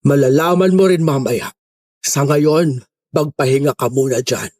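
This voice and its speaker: A man playing a scheming old matriarch villain who speaks with calm, pitying menace. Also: mid-range voice, measured pace, no echo, studio quality, lightly acted. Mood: coldly menacing.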